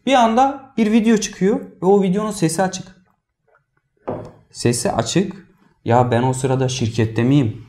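A man's voice: high voice, a little fast, hardly any pauses, mellow. A man co-hosting a casual marketing podcast, explaining numbers and quizzing his partner. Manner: quizzing, explanatory, fond of figures. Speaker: podcast co-host.

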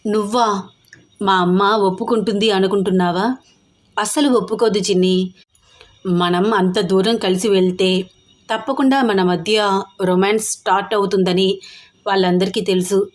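A woman voicing an earnest young businessman who pleads softly and reassures his fiancée in an audio story. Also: mid-range voice, steady tone, moderate pace, pauses often, close to an everyday voice.

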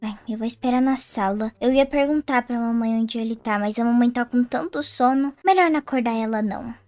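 A whiny little sister, played by a woman, always pestering and tattling. Her voice is high and recorded dry. It is a game role-play story. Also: fairly quick, a little mellow, no room sound, natural voice. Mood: bored. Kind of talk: Roblox role-play voice acting.

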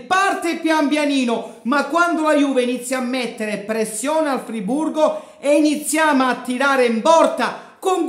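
Live from home, a man in his thirties streams his football match reaction, yelling goals, chanting players' names and pumping his fists in an extremely high voice. He sits in a living room with a grey sofa, recorded by a fixed camera at desk distance, and the room echoes.

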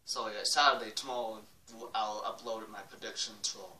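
A teenage man chats casually as the host of a homemade act, sounding slightly sick. His voice is very bright and sharp. It is picked up a little way from the mic in an echoey room with faint noise. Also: lowish voice, steady tone, normal speed. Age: teens. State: a bit sick. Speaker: amateur ventriloquist and video host. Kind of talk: casual chat to camera. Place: bedroom, indoors. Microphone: webcam at arm's length or more. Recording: noisy, echoey room, distant webcam mic.

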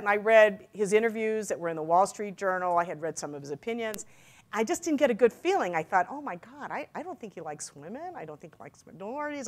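A middle-aged woman giving a keynote talk, telling a personal story and acting out the voices of the people in it. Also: mid-range voice. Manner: animated storyteller, acts out quoted voices. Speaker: keynote speaker. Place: conference stage.

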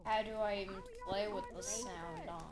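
A woman's voice: medium pitch, fairly even intonation, moderate pace, a crowd in the background. A woman chatting casually while playing a game, often exclaiming. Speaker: game player. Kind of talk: casual gaming chat. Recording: echoey room with clear noise.

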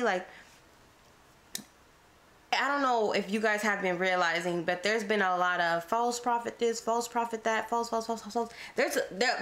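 A woman's voice: on the low side, fairly bright tone. A woman in her twenties talking to the camera in a small room, earnest and chatty, often restarting her sentences. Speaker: vlogger. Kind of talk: casual talk to camera. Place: small plain room indoors. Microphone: camera close in front.

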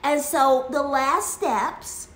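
A woman tells a children's story in a high voice, slipping into the characters' lines and playful barking sounds. The room is echoey, with a faint hiss behind her. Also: very slow. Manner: animated, acts out lines and dog barks. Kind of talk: casual spoken storytelling.

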